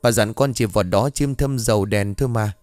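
Scared young servant girl, pleading and jumpy, read by a man narrator; lively pitch, dry recording. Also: normal speed, dry recording, lightly acted. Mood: frightened pleading. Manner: pleading, fearful.

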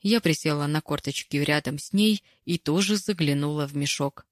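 Low, dry-voiced woman narrating. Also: normal speed, dry recording. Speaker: audiobook narrator. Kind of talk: audiobook narration.

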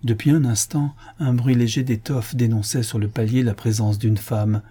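A man narrating a classic novel as an audiobook reader, measured and even. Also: medium pitch, slightly rough. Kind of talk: scripted narration.

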